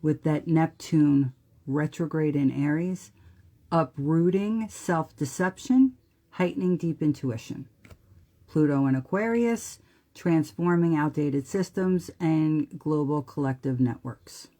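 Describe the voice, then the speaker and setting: A woman's voice: sits low, slow pace, mellow. A woman with a New Jersey accent giving a live astrology talk in an earnest, emphatic way. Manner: earnest, emphatic, occasional profanity.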